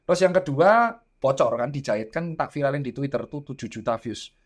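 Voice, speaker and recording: A man in his thirties telling stories in a casual podcast chat, animated and acting out quoted dialogue as a guest doctor and father. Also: medium pitch, a little fast.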